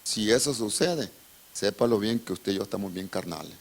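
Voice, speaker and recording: A man's voice: fairly low pitch, lively intonation, moderate pace, creaky. A male pastor, preaching a dramatic storytelling sermon and calling his listeners brother.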